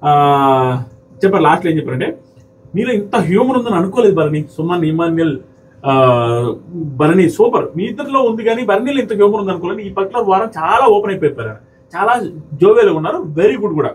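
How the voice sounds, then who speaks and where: A man's voice: sits high, animated, brisk, far from the mic, slight background noise, low-quality recording. A man giving heated, argumentative commentary on a reality show episode and acting out the people he quotes. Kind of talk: fast opinionated commentary to viewers.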